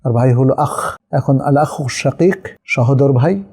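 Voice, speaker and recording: A man's voice: mid-range voice, a little slow, a little mellow, breathy edge. A middle-aged man with a Bangladeshi Bengali accent, an Islamic scholar answering viewers' questions. He explains patiently and checks understanding with tag questions. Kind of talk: religious question-and-answer session.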